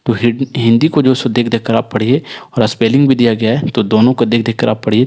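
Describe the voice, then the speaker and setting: A man with an Indian accent teaching English pronunciation rules in a video lesson. He asks his own questions, answers them, and repeats example words slowly. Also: mid-range voice. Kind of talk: classroom-style video lesson.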